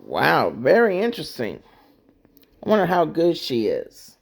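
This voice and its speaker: A man's voice: on the high side, huge pitch swings, measured pace, vocal fry. A man co-hosting a casual pop culture chat, answering with short dry reactions and quips. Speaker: co-host.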